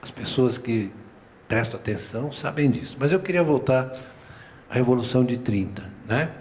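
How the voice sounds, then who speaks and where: An older man with a Paulistano Brazilian accent, speaking on a round-table panel in an unhurried, discursive way, often tagging his phrases with a questioning aside and restarting his sentences. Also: medium pitch, animated, a little mellow, a little hiss or hum. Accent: Paulistano Brazilian Portuguese. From São Paulo, Brazil. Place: museum auditorium.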